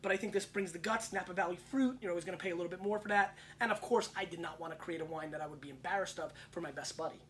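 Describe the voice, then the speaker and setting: Rapid-fire and joking, a brash man in his thirties keeps up casual chat while hosting a wine tasting show. His voice sits high and sounds a bit bright.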